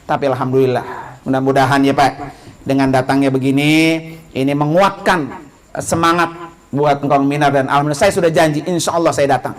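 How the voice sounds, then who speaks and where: A man giving an informal religious talk, animated, asking his listeners questions and answering them himself. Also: medium pitch, fairly quick, a little hiss or hum, rough recording. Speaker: religious speaker.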